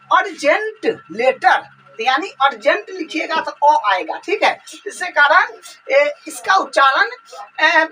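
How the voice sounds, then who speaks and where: Slow bright-voiced woman teacher. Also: high voice, recorded from a distance, a little hiss or hum, low-quality recording. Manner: slow, repetitive explaining. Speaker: English grammar teacher. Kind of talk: grammar lesson explanation.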